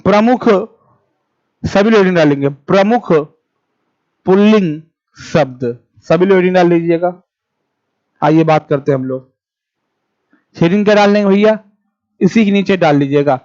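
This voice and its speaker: A man teaching an online exam class, speaking slowly and repeating key phrases for students to write down, and pausing to answer viewers' comments. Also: high-pitched, darkish tone. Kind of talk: live-streamed exam class. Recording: dull lo-fi sound.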